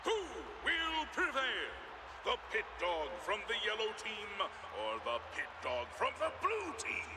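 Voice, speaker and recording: An actor playing a grandiose male arena announcer in a fantasy fighting game, with booming, drawn-out, ceremonial showmanship. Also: wildly swooping pitch, full character voice. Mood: grand, rousing. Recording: game audio under loud arena noise.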